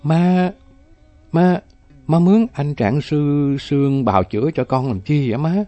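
A man's voice: fairly high pitch, muffled recording, faint music behind, close to an everyday voice. A man voicing a weary, heartbroken young woman who speaks hesitantly. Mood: reluctant. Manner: hesitant, halting, stammers.

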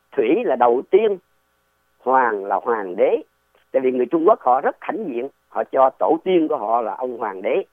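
A man's voice: medium pitch, no room sound. A man, a guest explaining history in a casual, digressive way and often asking rhetorical questions. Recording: tinny dry phone line.

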